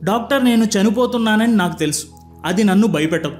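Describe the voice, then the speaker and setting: A man reading the lines of a calm, reflective old man of eighty-four in a spoken storybook. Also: high voice, quick pace, faint music behind, close to an everyday voice.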